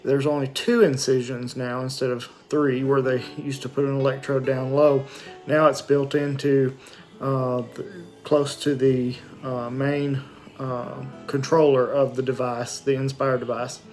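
A man in his forties talks plainly to his phone in a casual recovery update. His pitch is average and he pauses often. His throat is sore and his lip and jaw are swollen and stiff. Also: level tone, a little mellow, faint music behind. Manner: halting, matter-of-fact, frequent pauses and throat clearing. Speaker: vlogger giving a post-surgery recovery update. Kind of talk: casual unscripted video diary. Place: small indoor room at home with shelves. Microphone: phone or webcam at arm's length.

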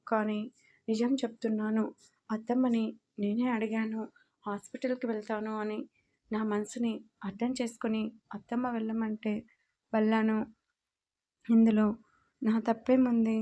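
A woman's voice: on the high side, flat delivery, unhurried, long pauses, dark tone, lo-fi sound, lightly acted. Woman voicing a timid tearful young wife. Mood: pleading. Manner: pleading, earnest.

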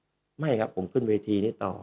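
A man, hosting a casual storytelling talk and acting out the voices of people he quotes. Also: rapid-fire. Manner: lively, acts out quoted voices. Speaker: speaker and talk show host.

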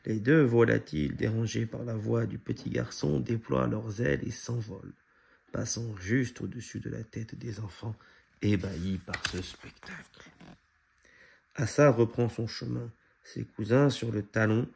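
A man reading a children's picture book aloud in a steady storytelling manner. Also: mid-range voice, a little slow, gravelly, breathy edge. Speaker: storybook reader.

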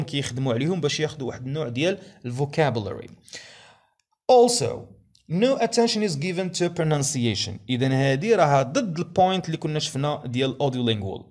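A young man with a Moroccan Arabic accent lecturing on language teaching methods. He reads English headings slowly, then explains them in Darija. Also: medium pitch, darkish tone.

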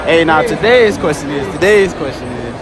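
A young man does a loose street interview in a shopping mall, holding out his phone to strangers. His talk is upbeat and playful, full of repeated lines. Loud music and crowd noise sit under the phone audio. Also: on the high side, expressive, normal speed. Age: young adult. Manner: repetitive, upbeat, joking. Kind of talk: casual public interview. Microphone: phone held out.

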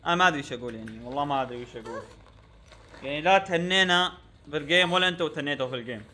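A man's voice: on the high side, rapid-fire, pushed and bright, a little hiss or hum. A young man giving gameplay commentary, exasperated and repeating himself with frequent oaths. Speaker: gaming YouTuber.

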